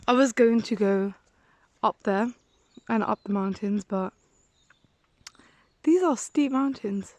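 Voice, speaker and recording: A woman's voice: medium pitch, slight background noise, poor audio. A woman in her twenties chatting casually for a vlog while walking up a steep hill outdoors, rambling with lots of "like", recorded on a handheld phone. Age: 20s. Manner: chatty and rambling, heavy use of "like". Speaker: vlogger.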